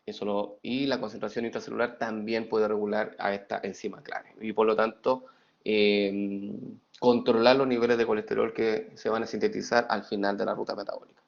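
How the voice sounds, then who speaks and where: A man's voice: fairly low pitch, flat delivery, brisk, creaky. A middle-aged man, teaching an online class, reading students' chat messages aloud in a playful way and then lecturing. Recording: dull lo-fi sound.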